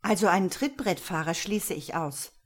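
Veteran lady detective in an audiobook, brisk and matter-of-fact, voiced by the woman reader. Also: medium pitch, a little mellow, lightly acted. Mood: frustrated. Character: seasoned female police detective, brisk and earnest.

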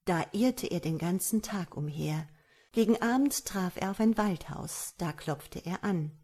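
A woman narrating a fairy tale in a measured, expressive storybook reading. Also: lowish voice, breathy edge.

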